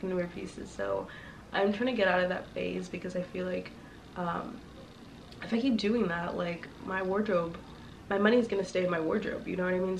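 A young fashion vlogger with a congested, sick voice, low-ish and creaky, chats casually to her viewers, rambling with lots of fillers. The mic is slightly distant, with faint noise.

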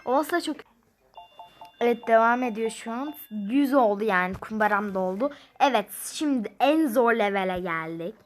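A woman's voice: on the high side, animated, moderate pace, a little hiss or hum. A young woman playing a mobile number game, commenting casually and grumbling in frustration as she counts numbers aloud.

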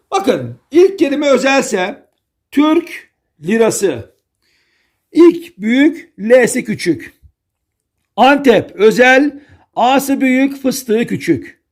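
Male teacher from Denizli, lively and playful, spelling rules out word by word. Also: extremely high pitch. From Turkey, Denizli. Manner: playful, repeats key words and spells out rules. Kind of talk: online grammar lesson.

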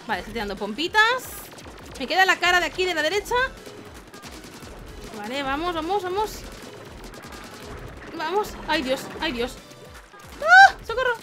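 Excitable high-voiced Spanish woman gamer. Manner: excitable, shrieks and laughs at the game. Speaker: gaming YouTuber. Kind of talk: let's-play commentary. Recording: game music loud under the voice. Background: game music.

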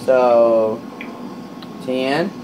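Man, casual gaming chat, swears a lot, excitable yelps, steady mid voice, noisy recording. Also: mid-range voice, very slow. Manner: rowdy, swears often, excitable outbursts. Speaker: gamer playing a trucking game with a friend. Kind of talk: casual game commentary.

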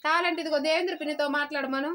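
A woman's voice: high-pitched, fairly even intonation, racing, bright, forceful tone, a little hiss or hum. A woman with a Nellore-region Andhra Telugu accent chatting casually like family, as a prank-calling vlogger.

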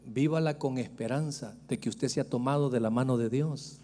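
A man's voice: mid-range voice, moderate pace, mellow, in a large hall. A male pastor preaching a sermon, emphatic and joking as he speaks straight to the congregation. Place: church sanctuary.

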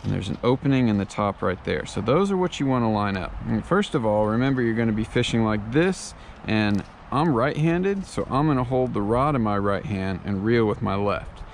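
A man's voice: lowish voice, moderate pace, a little hiss or hum. A man teaching fly fishing gear setup outdoors in a casual, step-by-step way, with plenty of ums and uhs. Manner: relaxed, filler-heavy step-by-step explaining. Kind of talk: casual how-to tutorial. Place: outdoors on a lawn.

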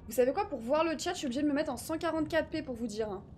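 Chatty, excitable woman streamer. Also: high voice, very fast, slight background noise. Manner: chatty, excitable, talks to chat while fixing her setup. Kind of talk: live gaming stream chat. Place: home streaming setup.

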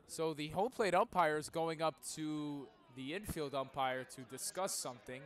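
A man doing live play-by-play baseball commentary outdoors like a radio announcer, with drawn-out, emphatic calls. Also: on the high side. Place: outdoors at a school baseball field.

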